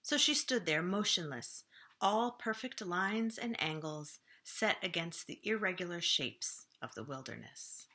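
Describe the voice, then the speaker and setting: Reading a children's storybook like a librarian, this woman uses an expressive voice on the low side. She builds suspense with dramatic pauses and slower, hushed lines.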